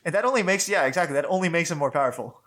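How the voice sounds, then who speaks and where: Higher-voiced man, joking and profane. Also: expressive, racing, a bit bright. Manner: profane, joking, laughs a lot. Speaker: podcast co-host. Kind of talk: casual podcast chat.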